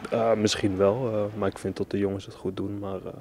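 A man's voice: fairly low pitch, flat delivery, brisk, gravelly, darkish tone, slight background noise. A young man, a footballer, answering interview questions hesitantly with many fillers.

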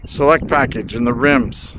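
Man giving an enthusiastic car sales pitch. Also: a little slow, noisy background. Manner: enthusiastic, punchy short phrases. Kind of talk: promotional vehicle walkaround pitch. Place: outdoors on a gravel car lot. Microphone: handheld camera held by the speaker.

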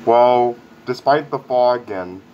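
A man's voice: mid-range voice, slow pace. A man speaking through a face mask in a casual, rambling vlog review, upbeat and repeating himself. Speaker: product reviewer. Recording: dull lo-fi audio with faint air conditioning hum.

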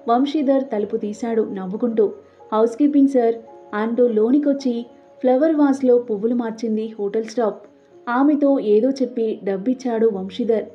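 A woman narrating an audiobook story as the storyteller, reading every character's lines herself in a soft voice. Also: on the high side. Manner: reads all parts herself with soft dialogue. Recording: dull lo-fi with soft background music.

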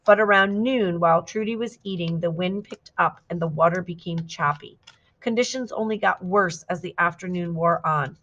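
Female storybook reader, lower voice, measured narration. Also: muffled recording. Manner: steady, clear storytelling with lively quoted shouts. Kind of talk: scripted narration of a picture book.

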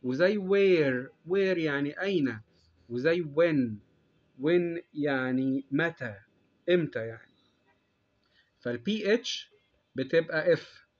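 A man with an Egyptian Arabic accent teaches an English lesson to children, patient and unhurried. He draws out each English word slowly so it can be repeated. His fairly high voice comes through a dull, muffled lo-fi recording. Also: a bit bright. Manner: slow and patient, drawing out English words. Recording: dull lo-fi sound.

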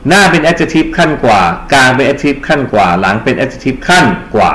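A man's voice: medium pitch, lively intonation, moderate pace, pushed and bright, roomy sound. A Thai man tutoring English grammar for exams in a Thai accent, explaining step by step and quizzing the class. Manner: explains step by step, asks the class questions and answers them himself. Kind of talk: exam-prep lecture.

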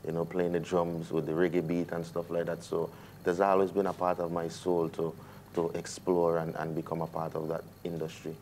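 A man in his thirties from the US Virgin Islands, a reggae artist appearing as a guest on a TV studio set, chats casually in a low voice at a moderate pace. His Caribbean English carries a Jamaican influence, and he sounds relaxed yet hesitant, using many fillers. Slight background noise can be heard.

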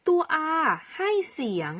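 A woman teacher from Thailand leading a phonics lesson for young children, sounding out each letter slowly and clearly and cheering them on. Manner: slow, clearly sounded-out model pronunciations; encouraging teacher talk to young pupils. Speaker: English teacher.

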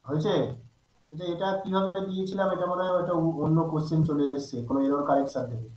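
A man's voice: on the high side, steady tone, fairly quick, a little mellow, echoey room, lo-fi sound. A man teaching English grammar in an online class, stopping often to ask his students questions. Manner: asks students frequent check questions. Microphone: video call.

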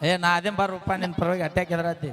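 A man, emceeing live stage comedy at a fair, firing off loud teasing retorts through a stage microphone. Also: sits high, level tone, heavy background noise. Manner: loud teasing, quick comic retorts to the crowd.

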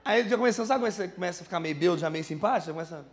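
A stand-up comedian with a rural São Paulo countryside accent, performing live in a comedy bar with animated, exaggerated delivery. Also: male voice, high voice, rapid-fire. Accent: São Paulo countryside caipira. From interior of São Paulo state, Brazil. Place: comedy bar stage before a live audience.

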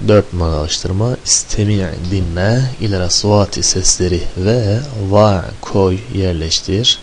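Low slow-spoken male teacher. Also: a little hiss or hum. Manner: drills syllables one by one, repeating and quizzing; patient, explains and asks rhetorical questions. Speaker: Arabic teacher. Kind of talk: recorded lesson.

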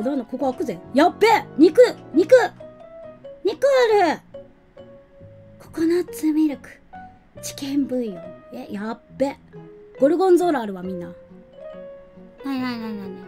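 A young woman chats with her viewers in a high, bright voice, laughing often and thanking them by name. She talks at a desk mic while faint music plays behind her. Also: animated, brisk. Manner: chatty, giggly, reads out and thanks viewers. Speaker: game streamer. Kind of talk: casual live-stream chat.

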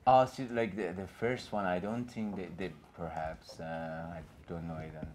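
On a panel in a small gallery room with an audience, a Persian-accented filmmaker from Iran, in his thirties, speaks earnestly but ramblingly, full of fillers and restarts. His deep, darkish voice keeps fairly even intonation at a moderate pace, and there's slight background noise.

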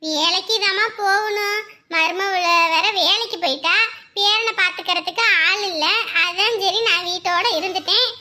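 A woman's voice: extremely high pitch, steady tone, moderate pace, pushed and bright. A woman, chatting and scolding in a neighbourly skit. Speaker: performer voicing village women. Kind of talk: village comedy skit dialogue.

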